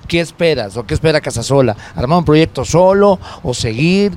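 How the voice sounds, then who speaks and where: Lively Mexican man hosting a chat. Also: on the high side, normal speed, slight background noise. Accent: Mexican Spanish. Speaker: host. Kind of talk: casual chat.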